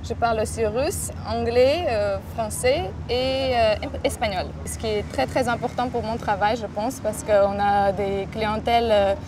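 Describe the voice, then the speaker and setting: A woman, a boat deckhand speaking in a workplace interview, pausing often to find her words. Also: fairly high pitch, noisy background. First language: Armenian. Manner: thoughtful, many filler pauses. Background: background music.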